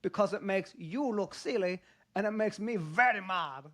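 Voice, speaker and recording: A man voicing a greedy, easily offended male puppet chef, talking in a deadpan, childlike way in a comic podcast bit. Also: high-pitched, moderate pace, no room sound.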